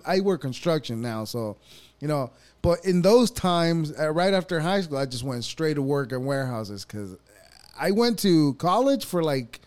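Male host, thirties, from El Salvador; casual, stumbling, chatty, a touch high-voiced. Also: darkish tone, smooth. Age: 30s. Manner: halting, restarts often, laughs easily. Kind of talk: casual conversation.

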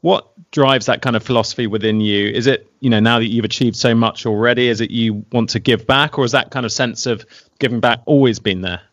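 A man's voice: medium pitch, fairly quick, a bit bright, no echo. A man, hosting an interview and asking long, rambling questions full of "you know.". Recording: dry, muffled lo-fi audio.

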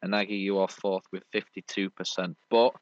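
British bloke hosting a sports pod, low voice, matey rambly chat, dry lo-fi sound. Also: male voice, flat delivery, a little fast, dry recording. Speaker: sports podcast host. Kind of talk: casual sports review chat. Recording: dull lo-fi audio.

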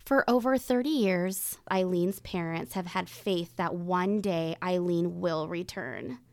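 A woman narrates true crime in a suspenseful, solemn and measured way, pausing for drama. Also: lowish voice, a little mellow, no room sound. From Northern California. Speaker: co-host of a true crime podcast.

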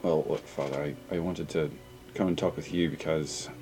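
A tabletop player with a very deep, gravelly voice, joking dryly between turns. His pitch swings widely, and faint music plays underneath. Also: fairly even intonation, normal speed, rough recording. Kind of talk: tabletop role-play chat.

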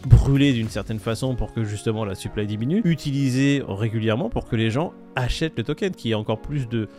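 Fast-talking lively male host. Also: medium pitch, soft background music. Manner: lively, joking, addresses viewers directly. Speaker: show host. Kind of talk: casual crypto chat show.

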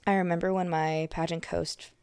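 Young woman host, low and gravelly, chatty self-correcting delivery, dry close recording. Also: level tone, normal speed, a little mellow, no echo. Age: young adult. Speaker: podcast host. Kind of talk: casual monologue.

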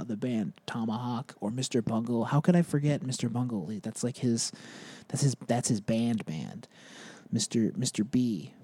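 A man's voice: mid-range voice, mellow, breathy edge, no echo. A young man hosting a podcast, chatting casually about bands in a rambling way with lots of fillers. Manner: rambling, filler-heavy, laughs at himself. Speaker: podcast host. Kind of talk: casual music chat.

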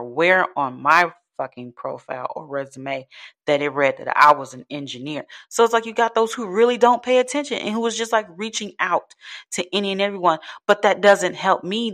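A woman's voice: medium pitch, fairly bright tone. A young adult woman venting in a casual monologue, blunt and frustrated, swearing freely. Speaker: vlogger.

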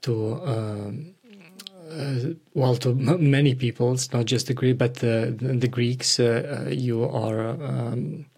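A man hosting an interview, asking questions hesitantly with many pauses and restarts. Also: medium pitch, darkish tone, husky. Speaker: podcast host. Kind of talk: conversational interview.

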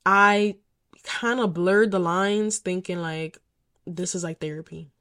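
A woman's voice: fairly low pitch, steady tone, takes it slowly, a bit bright. A young woman candidly telling a personal story as a podcast host, emphatic and swearing often.

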